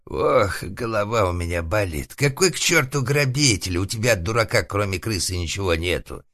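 A man voicing a coarse, vengeful old organ grinder who threatens and swears in a rough voice, in an audiobook. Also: lowish voice, lively intonation, normal speed, a bit bright, dry recording, studio quality, voice pushed up. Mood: threatening.

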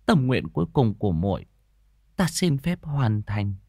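A remorseful noblewoman praying softly, her voice raised in pitch and kept hushed, as a male narrator puts her on. Her words come slow and pleading. The sound is dry and close. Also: big pitch swings, dry recording, heavily acted.

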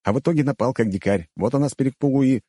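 A man's voice: medium pitch, racing, dark tone, no echo, clean studio sound, pitched above the performer's own voice, natural voice. Man playing a smug, wry young mage.

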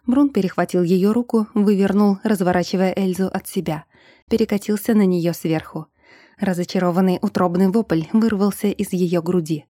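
A woman narrates an audiobook in a calm, even reading style. Her voice is mellow and darkish in tone, at a middle pitch. The sound is dry and close, with no room echo. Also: moderate pace.

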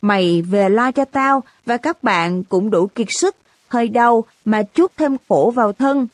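A woman's voice: a little high, animated, a little slow, no echo. A woman voicing a teenage schoolgirl who sobs and scolds her friend in a storybook reading. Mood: tearful scolding. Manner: sobbing, scolding.

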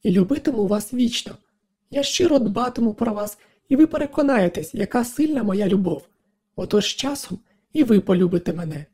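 A man's voice: high voice, animated, fairly quick, warm tone, voice pushed up. A man voicing a lovesick female ship computer, her voice slightly unsteady and trembling. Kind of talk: audiobook narration.

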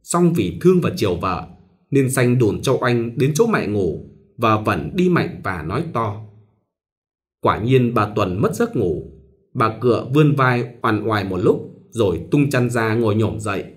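A man narrating a novel aloud in an expressive storytelling manner. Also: lowish voice, measured pace. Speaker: audiobook narrator.

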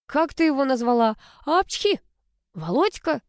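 A woman's voice: fairly high pitch, expressive, moderate pace, a little mellow, dry recording, clean studio sound, pitched above the performer's own voice, natural voice. A woman reading the lines of a grumpy teenage boy who keeps sneezing and mumbling, in audiobook narration. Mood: peevish.

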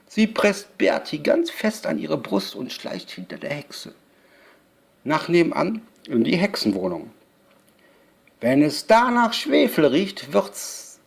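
A man with a gravelly voice reads a children's storybook aloud, slowly and with a lively melody. He is unpolished, often restarting a line and laughing at his own slips. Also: high-pitched. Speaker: podcast host reading a children's story.

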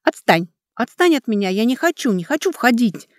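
A woman's voice: fairly high pitch, very animated, moderate pace, a little mellow, no room sound, pitched above the performer's own voice. A frightened young girl , as a woman reader puts her on, speaks up in a raised, trembling voice. The reading is close and dry.

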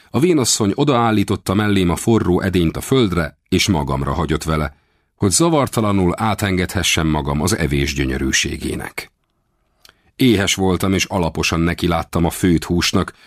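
A man narrates an adventure audiobook in the first person, his low voice moving lively up and down. He reads expressively and climbs higher whenever characters shout. The sound is close and dry, with no room around it. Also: no room sound. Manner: expressive, raises pitch for shouted dialogue.

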